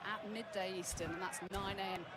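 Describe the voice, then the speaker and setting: A woman giving measured, informative football play-by-play commentary. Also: medium pitch, steady tone, crowd noise, low-quality recording. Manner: measured, informative, rising on attacks. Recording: game audio under loud background noise.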